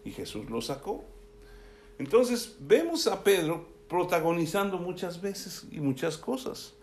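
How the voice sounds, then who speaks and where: Man, preacher, sermon, higher-pitched voice, scripture reading, conversational explaining, tag questions. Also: very animated, unhurried, a little mellow.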